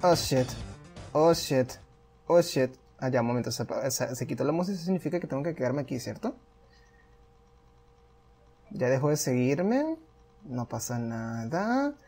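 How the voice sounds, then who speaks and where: This gaming channel host speaks in a slightly rough, medium-pitched voice at a measured pace with long pauses, soft music behind him. Playing a video game at home for a casual let's play, he talks to the characters, reads their lines, and gets excitable, yelping and swearing when it gets tense.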